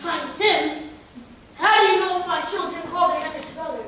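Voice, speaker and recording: A woman's voice: very high-pitched, fairly quick, a bit bright. A woman playing a poor Victorian clerk and father, brusque, flustered and theatrical. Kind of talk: theatrical stage comedy acting. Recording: very echoey, distant stage recording.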